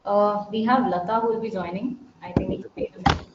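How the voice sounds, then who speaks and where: A woman's voice: mid-range voice, steady tone, fast talker. A woman with an Indian accent, casually hosting a group discussion on an online call. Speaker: host. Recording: roomy, muffled, faintly noisy call.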